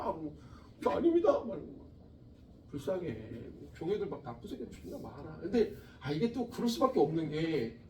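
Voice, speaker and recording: A middle-aged man lectures a classroom of teenagers, mixing science with casual, profane stories. His voice sits high and swings widely as he acts out shouted lines. He sounds distant in a reverberant room with faint noise behind him. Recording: echoey room from far off.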